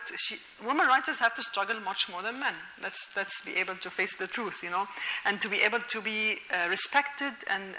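An Egyptian-accented woman speaks as a guest professor in a conversational interview. Her voice is very bright and crisp, and she sits at a middle pitch. She laughs readily and restarts her sentences often. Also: a little hiss or hum, rough recording.

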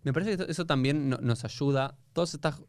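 Argentine rabbi, male, middle pitch, talks in long explanations, recorded dry and close. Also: fast, clear, resonant tone, no room sound. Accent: Argentine Spanish. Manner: explanatory, animated, many restarts. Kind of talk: casual conversation.

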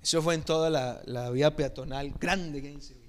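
A man pastor preaching a sermon, telling lively stories and acting out the voices in them. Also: fairly high pitch, brisk. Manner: animated, acts out voices in anecdotes. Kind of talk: sermon with storytelling. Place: church.

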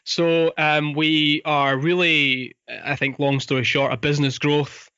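A man's voice: on the high side, level tone, a little slow, sharp tone, clean tone, no room sound, highs cut off. A man with a Fife Scottish accent, chatting casually as an interview guest. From Fife, Scotland. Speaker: podcast guest, business owner.

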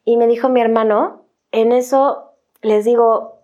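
A woman with a Mexican accent candidly tells her life story in a conversational way, often tacking on "o sea" and "¿no?" Her voice sits on the high side yet sounds dark, with a steady tone and a slightly slow pace. The recording is lo-fi.

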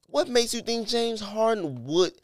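A man's voice: sits high, lively intonation, unhurried, no echo, clean studio sound. A man co-hosting a podcast, debating sports casually in profane, argumentative slang. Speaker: podcast co-host.

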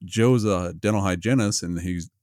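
A man's voice: deep voice, moderate pace, darkish tone, no room sound, studio quality. A man co-hosting a casual podcast chat who tells stories with enthusiasm and laughs in the middle of his sentences. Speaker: podcast co-host.

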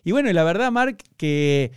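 A man's voice: high voice, sing-song, normal speed, clear, resonant tone, dry recording. A man with an Argentine accent, interviewing a guest in a chatty, rambling, enthusiastic way. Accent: Argentine Spanish. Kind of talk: casual interview chat.

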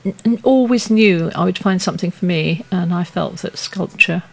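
A woman's voice: on the low side, normal speed, gravelly, a little mellow. A woman sculptor answering questions in a radio studio interview, speaking hesitantly with many fillers as she thinks aloud.

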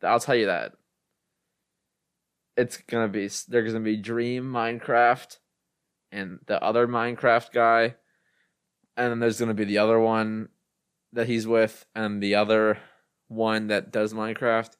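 A man's voice: lowish voice, level tone, a little slow, long pauses, clear, resonant tone. A man chatting casually as a co-host, rambling on and joking with his friends. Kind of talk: casual bantering chat.

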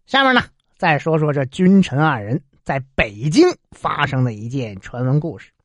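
A woman's voice: deep voice, very animated, normal speed. A woman telling an old tale with plenty of swing in her voice, chatting with asides to the listener as she goes. The sound is dry and close, with no room echo. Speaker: storyteller. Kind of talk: traditional Chinese storytelling narration.

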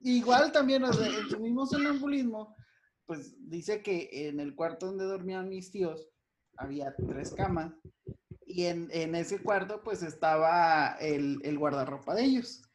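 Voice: medium pitch, measured pace. A speaker with a Mexican Spanish accent who laughs often, telling a story in slangy, casual chat. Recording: clearly noisy with clicks.

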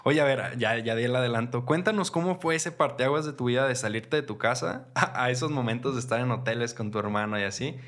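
A man's voice: mid-range voice, a little fast, few pauses, fairly bright tone. A man with a Mexican accent hosting a casual interview, chatty and asking prompting questions. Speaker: host.

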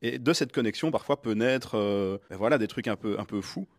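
A man's voice: lowish voice, a little fast, dry recording, clean studio sound. A man hosting a casual interview, reflective and searching for words. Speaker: podcast host.

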